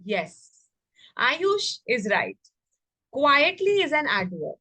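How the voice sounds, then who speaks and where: An Indian-accented woman teaches an interactive online English class to small children, instructing and prompting them with questions she repeats. She speaks slowly in a high, sing-song voice that sounds pushed and bright, and the recording is dry.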